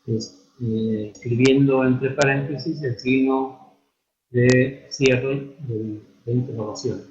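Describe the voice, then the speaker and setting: A man giving an online lesson on writing and spelling, with a Mexican Spanish accent, unhurried and hesitant with many fillers and restarts. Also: medium pitch, steady tone, a little mellow. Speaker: instructor. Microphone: computer mic for a virtual classroom. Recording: echoey, dull online-classroom audio.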